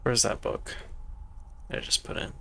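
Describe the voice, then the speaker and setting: A man's voice: measured pace, bright, forceful tone. A man chatting casually to himself as he streams a game, rambling about his inventory and stream problems. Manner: rambling, talks to himself while playing. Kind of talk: casual gameplay commentary.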